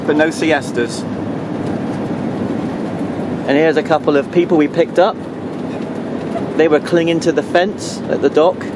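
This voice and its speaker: Picture a man filming from a moving motorhome, joking dryly as he narrates the trip. His voice sits a little high for a man, and loud road and engine noise rumbles under everything on the camera mic. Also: steady tone, a little slow, pauses often. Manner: dry, teasing humor. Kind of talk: joking travel commentary. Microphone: handheld camera mic.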